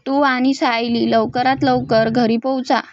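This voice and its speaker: A woman's voice: on the high side, flat delivery, a little slow, no echo, highs cut off, natural voice. A woman reading a worried older mother.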